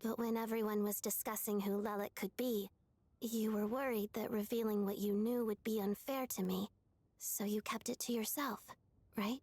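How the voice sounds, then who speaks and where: An actress voicing a polite, reserved young woman in a video game, with a calm, earnest and softly formal manner and a husky voice. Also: mid-range voice, normal speed, dry recording.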